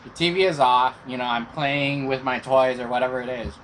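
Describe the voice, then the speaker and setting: A man's voice: mid-range voice, fairly even intonation, brisk, a bit bright. Middle-aged man chewing while talking, noisy background. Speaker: vlog host telling personal stories. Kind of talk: casual storytelling to viewers. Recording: clear background noise.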